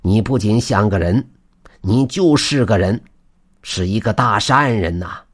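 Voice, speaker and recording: A man's voice: on the low side, huge pitch swings, normal speed, darkish tone, husky, exaggerated voice. A man voicing a plain-spoken old farmer in a folk tale. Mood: earnest. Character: old male farmer, gruff then remorseful.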